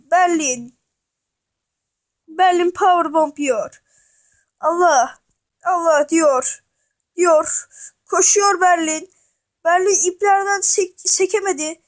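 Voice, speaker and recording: A woman giving playful, excitable mock sports commentary over a wrestling video game, joking and talking to the characters. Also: extremely high pitch. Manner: loud and animated.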